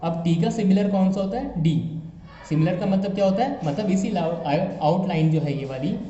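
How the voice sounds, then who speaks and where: A man's voice: high-pitched, moderate pace, mellow. A man explaining shorthand step by step, repeating each point patiently. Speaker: shorthand teacher. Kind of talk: casual step-by-step tutorial. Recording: echoey room, dull lo-fi mic.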